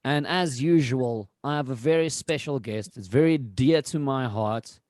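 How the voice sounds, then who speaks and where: A man's voice: mid-range voice, a little slow, a little mellow, dry recording, clean studio sound. A man hosting a casual podcast interview, eager and repeating himself as he talks. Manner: enthusiastic, repeats words. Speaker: podcast host.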